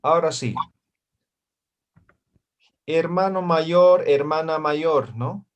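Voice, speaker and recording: A man teaching a language class over a video call, slowly repeating words and checking in with his students. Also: fairly high pitch. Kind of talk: online class teaching vocabulary.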